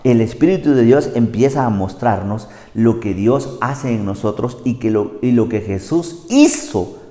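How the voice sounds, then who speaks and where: A man pastor preaches with animated, exclamatory delivery and a lively, swinging pitch. His voice is dark and mellow. It echoes through a church hall with a long reverb. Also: unhurried. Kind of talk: sermon.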